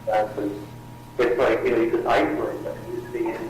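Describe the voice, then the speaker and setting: A man talking from jail on a prison phone call, rambling and halting with lots of fillers. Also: mid-range voice, fairly even intonation. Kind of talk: casual phone conversation. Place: jail cell. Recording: distant echoey jail phone line with faint noise.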